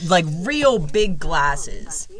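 Lively, wry woman podcast co-host. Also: lowish voice, very slow. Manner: wry, joking, swearing, hesitant restarts. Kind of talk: casual podcast chat.

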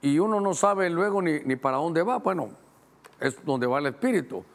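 A middle-aged man from Guatemala, a pastor preaching a Bible-study sermon who slows to read verses aloud and speeds through asides to his helpers. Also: a little high, animated, vocal fry. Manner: teaching, directing helpers to show verses on screen.

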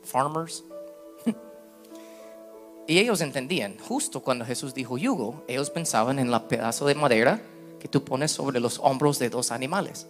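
With soft music behind him, a pastor in his thirties delivers a sermon in Spanish laced with English terms. He speaks at medium pitch and normal speed, expressively alternating loud bursts with hushed asides.

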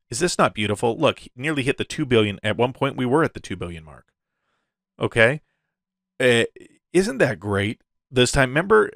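This man hosts a laid-back crypto update, hyped and gushing in crypto-bro style and often laughing softly mid-sentence. His voice is lowish but fairly bright, with clean studio sound and no room reverb.

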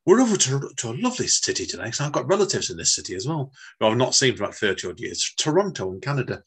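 Male podcast host from England, husky tone, chatty and rambling. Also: medium pitch, very animated, racing. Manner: rambling, many fillers and restarts. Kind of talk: casual podcast chat.

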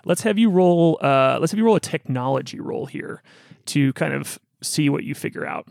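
A man narrating as game master of a tabletop role-playing game, halting with many fillers and restarts. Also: fairly high pitch, expressive, creaky, darkish tone, no echo, studio quality.

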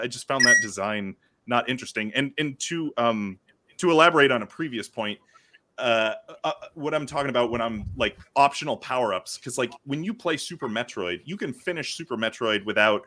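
A young man on a casual podcast, talking in halting bursts with frequent restarts. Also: mid-range voice, bright, forceful tone. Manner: halting, many restarts and nitpicks. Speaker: podcast co-host. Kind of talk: casual chat.

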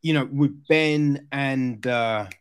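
A man in a casual discussion as an interviewer, talking haltingly and often checking for agreement. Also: medium pitch, slight background noise. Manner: halting, seeks agreement with repeated "right?". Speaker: interviewer giving film feedback. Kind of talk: casual conversation, film discussion.

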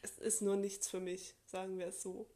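A young adult woman co-hosting a casual podcast, talking in a relaxed, chatty way with lots of fillers. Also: medium pitch, a little fast. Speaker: podcast co-host.

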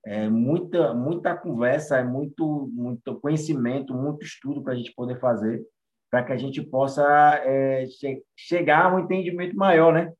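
Guy co-hosting, mid voice, kinda hesitant, lots of "é" and "né" pauses. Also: mid-range voice, darkish tone, lo-fi sound. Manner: hesitant, many fillers and restarts. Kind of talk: casual chat.

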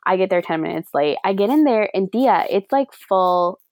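A young woman living in Madrid co-hosts a casual podcast, chatting animatedly and ramblingly with plenty of fillers and the odd Spanish word. Her mid-range voice moves at a moderate pace over clean, dry studio sound.

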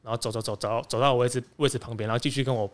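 A young man, telling a workplace story in casual podcast chat with animated restarts. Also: mid-range voice, very fast. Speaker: podcast co-host.

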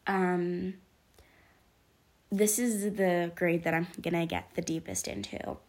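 Slow and a little mellow, a lowish voice with fairly even intonation belongs to a girl in her late teens vlogging through allergy sniffles. She speaks openly and casually to the camera, rambling and using plenty of "um" and "like."

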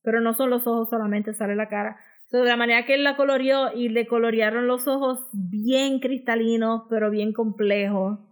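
Bilingual Puerto Rican woman, higher-pitched voice. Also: steady tone, moderate pace, few pauses. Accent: Puerto Rican Spanish. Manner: mixes English words and phrases into Spanish. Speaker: comics podcast co-host. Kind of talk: casual chat.

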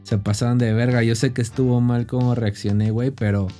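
Laid-back Mexican man, dark mellow voice. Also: medium pitch, little pitch movement, fairly quick, soft background music. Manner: laid-back, slangy, defensive back-and-forth. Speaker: podcast co-host. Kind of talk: casual chat.

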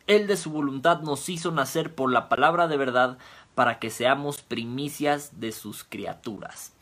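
A man's voice: fairly high pitch, sharp tone. A man giving a sermon, explaining Bible word roots step by step and repeating key phrases. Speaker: preacher. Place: home, via online stream.

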